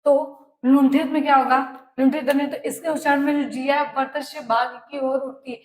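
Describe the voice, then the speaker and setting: A woman teacher giving a lesson, repeating each phrase slowly for students to write down and answering her own questions. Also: high voice, steady tone. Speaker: Hindi teacher. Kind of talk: classroom lesson, dictating notes. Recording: echoey room.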